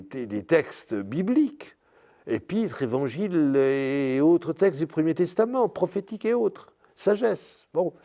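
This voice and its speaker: Slow-speaking older French priest lecturing. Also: male voice, medium pitch, warm tone. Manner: slow, searching delivery with many "hein" and "euh". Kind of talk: spiritual lecture. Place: parish hall or church.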